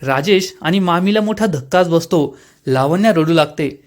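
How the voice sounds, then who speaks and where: At a normal speed, a high-voiced male narrator reviewing a serial walks through a TV episode's story from a script. He holds an even pace and delivers the characters' lines in the same voice as the rest.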